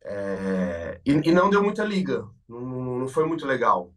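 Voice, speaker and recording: Excited man recorded from a distance. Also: mid-range voice, moderate pace. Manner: animated, swearing, repeating words. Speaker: band member, interviewee. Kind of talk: excited anecdote.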